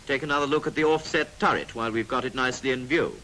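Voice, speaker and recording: Narrating a 1940s military training film, this British man speaks fast in a medium-pitched, bright, forceful voice. He's clipped and instructive, with drily humorous remarks, and the period soundtrack is noisy.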